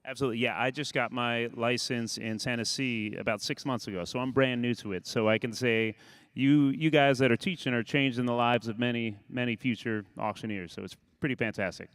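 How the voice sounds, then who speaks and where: A man's voice: mid-range voice, steady tone, a little fast, a bit bright, dry recording. A man hosting a casual broadcast interview. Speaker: interview host.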